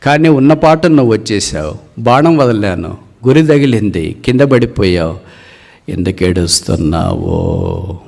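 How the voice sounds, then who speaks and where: A man voicing a puzzled hunter who keeps gently asking a wounded bird why it weeps, in a sermon story. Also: on the low side, expressive, unhurried, creaky, heavily acted. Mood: puzzled questioning. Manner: repeating questions, gently probing.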